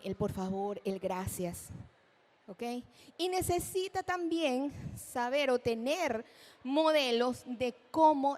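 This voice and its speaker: A woman giving a lecture at a live event, animated, asking the audience questions and acting out examples. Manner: acts out children's speech in a high voice. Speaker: speech therapist giving a talk. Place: event hall.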